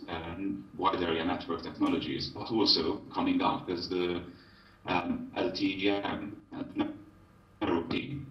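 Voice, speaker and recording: A man giving a technical presentation over an internet call, halting with many ums, his voice coming through garbled at times. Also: sits low, fairly bright tone. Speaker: remote presenter at a tech meetup. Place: remote, at home. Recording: echoey, distant call audio through room speakers.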